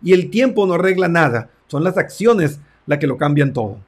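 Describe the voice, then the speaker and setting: A man's voice: a little high, animated, normal speed. A man who works as a therapist, giving a reflective talk on self-esteem and acting out conversations with his clients. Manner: reflective, acts out client dialogues.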